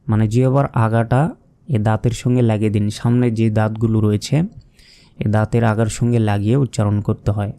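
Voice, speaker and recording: Male Quran teacher with a Bangladeshi Bengali accent, warm and clear, drills each letter patiently. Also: fairly low pitch, flat delivery. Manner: patient, repeats each letter sound slowly. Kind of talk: step-by-step recitation lesson.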